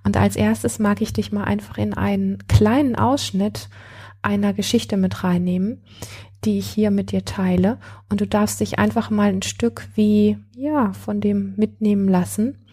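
A woman's voice: mid-range voice, dark tone, husky. A woman hosting a podcast, talking directly to the listener and often searching for words. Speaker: podcast host. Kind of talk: podcast monologue.

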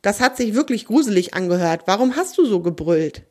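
A woman's voice: medium pitch, expressive, fairly quick, breathy edge. A woman voicing a small grey male creature who is timid but brave and asks eager, wide-eyed questions. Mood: curious.

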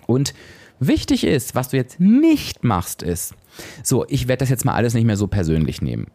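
A man's voice: medium pitch, wildly swooping pitch, moderate pace, dark tone, dry recording. A man hosting a solo podcast as a coach, speaking straight to the listener and often adding tag questions.

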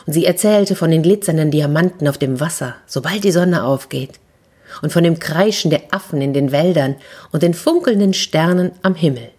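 A woman narrating a fairy tale for children, expressive, with slow, dramatic pauses. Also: sits low, breathy edge. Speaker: children's storyteller.

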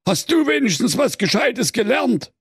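A man playing a sarcastic, exasperated old father in a radio comedy fairy tale, with a husky voice. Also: extremely high pitch, big pitch swings, normal speed, no room sound, clean studio sound, exaggerated voice. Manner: weary, gruff, sarcastic.

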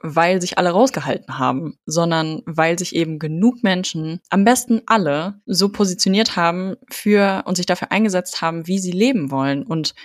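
An earnest speaker thinks aloud in long, winding sentences during a casual conversation. The voice sits at a middle pitch and sounds dry and close, with no room echo. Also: moderate pace, hardly any pauses. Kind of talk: casual chat.

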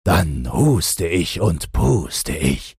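A man voicing a sly, scheming big bad wolf in a storybook reading, with a deep, gravelly, husky voice and slow, drawn-out, coaxing speech. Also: very animated, darkish tone, dry recording, studio quality, full character voice.

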